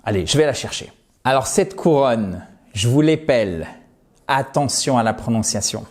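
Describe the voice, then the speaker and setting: A man teaching an English lesson, explaining slowly and repeating each word to model its pronunciation. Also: mid-range voice, animated, a little mellow. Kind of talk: online language lesson.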